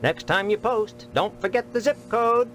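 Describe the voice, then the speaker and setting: A man's voice: sits high, moderate pace, a bit bright, faint music behind. An actor playing a stubborn older male small-town postmaster, folksy and patronizing. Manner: folksy, patronizing, rule-bound.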